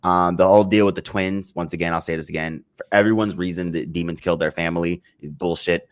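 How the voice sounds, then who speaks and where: Deep-voiced man ranting casually. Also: fairly even intonation, fast. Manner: rambling, restarts often, swears, laughs in frustration. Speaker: podcast co-host. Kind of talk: casual chat.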